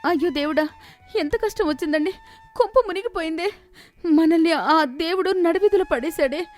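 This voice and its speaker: Woman doing a clever village wife in a cartoon story, high and sharp, scolding and pleading. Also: moderate pace, faint music behind, close to an everyday voice. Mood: wailing. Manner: scolding, then loud theatrical wailing. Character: shrewd village housewife, sharp-tongued. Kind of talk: animated story voice acting.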